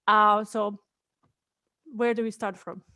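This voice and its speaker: A woman's voice: medium pitch, steady tone, slow, bright, forceful tone, no echo, studio quality. A woman from Bosnia, not an English speaker, hosting an interview show and asking questions casually with affirming hums. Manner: friendly, frequent affirming hums. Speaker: host.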